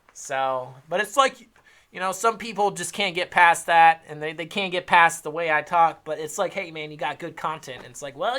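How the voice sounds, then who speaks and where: Blunt, foul-mouthed man with bright voice. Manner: blunt and heavily profane; swings between loud emphasis and low muttered asides. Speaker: trading educator. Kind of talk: casual unscripted rant to camera.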